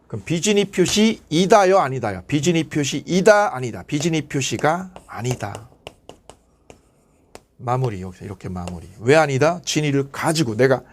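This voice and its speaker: A man teaching an exam-prep law class, asking quick questions and answering them himself. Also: mid-range voice. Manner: animated, asks and answers his own questions. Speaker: lecturer.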